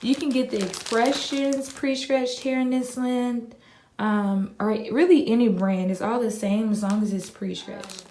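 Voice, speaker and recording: A young woman vlogger, talking viewers through a hair tutorial in a relaxed, chatty way, a little groggy from just waking up. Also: fairly high pitch, measured pace, a little hiss or hum. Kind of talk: casual how-to tutorial. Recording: echoey room with faint ambience.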